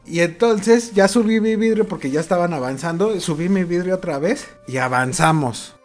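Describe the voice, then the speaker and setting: A man with a Mexican accent telling a funny personal story for his vlog, animated and laughing often. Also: sits high, moderate pace, soft background music. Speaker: vlogger.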